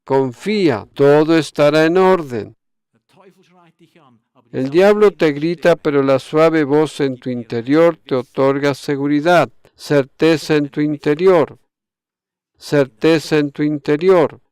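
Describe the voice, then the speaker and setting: A man delivering a sermon at an unhurried, deliberate pace, often coming back to the same phrases. His voice sits a little high for a man and sounds smooth and clear. The recording is dry and close, with no room sound. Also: a little mellow, no echo. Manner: slow, measured preaching with repeated phrases. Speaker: preacher.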